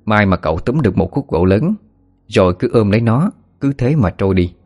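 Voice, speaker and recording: Low-voiced male storyteller. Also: brisk. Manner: steady, even storytelling. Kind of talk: scripted narration. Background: faint music.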